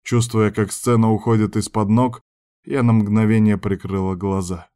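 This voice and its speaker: Low-voiced male audiobook narrator. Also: flat delivery, normal speed, dark tone, clear, resonant tone. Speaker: audiobook reader. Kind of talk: scripted narration.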